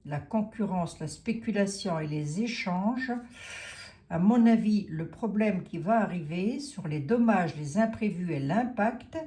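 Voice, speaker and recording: A woman's voice: on the low side, lively intonation, measured pace, dark tone, roomy sound. Musing woman with a Lorraine accent. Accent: Lorraine French. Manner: musing, thinking aloud with many fillers. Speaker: tarot reader. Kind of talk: casual tarot reading livestream.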